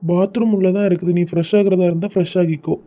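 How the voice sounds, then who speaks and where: A young cartoon groom played by a man with a Kanyakumari Tamil accent, soothing and a bit playful. The voice is pitched high for a man, and the recording is dull and lo-fi. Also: steady tone, fast talker, natural voice. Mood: friendly. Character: young newlywed husband, caring and teasing.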